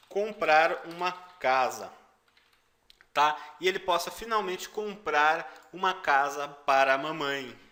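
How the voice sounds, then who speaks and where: A man with a Brazilian Portuguese accent gives a language lesson at an unhurried pace. His voice is bright and sits a little high, and he repeats phrases patiently, saying the foreign words louder. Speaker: German teacher. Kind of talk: language lesson explaining song lyrics.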